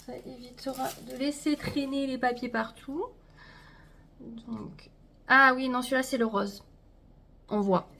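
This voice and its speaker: A chatty woman unboxes makeup at home, her voice pitched a little high. She talks straight to her viewers and trails off with fillers as she goes. A faint hiss sits under the recording. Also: fairly even intonation, a little slow, creaky, long pauses, sharp tone. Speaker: beauty vlogger. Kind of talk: casual haul unboxing chat.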